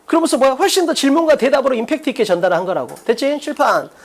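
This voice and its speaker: Guy teaching english test prep, talks super quick, swings his pitch all over, keeps asking students questions. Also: expressive, vocal fry. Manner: blunt, casual, swears, asks students rhetorical questions; repeats key phrases often. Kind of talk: lecture.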